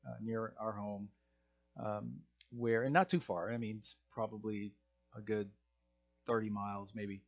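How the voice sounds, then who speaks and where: A man's voice: on the low side, fairly even intonation, a little slow, dull audio. Hesitant man telling a spooky story. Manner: hesitant, often restarts and repeats words. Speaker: channel host sharing his own encounters. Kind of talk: casual spoken storytelling.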